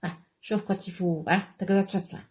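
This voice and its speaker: A woman's voice: lowish voice, fairly even intonation, moderate pace, a little mellow, lightly acted. A woman doing Erlette, a rambling gossip. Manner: rambling, confiding, dropping to whispers. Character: chatty gossiping older village woman. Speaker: comic segment character. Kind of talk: comic monologue.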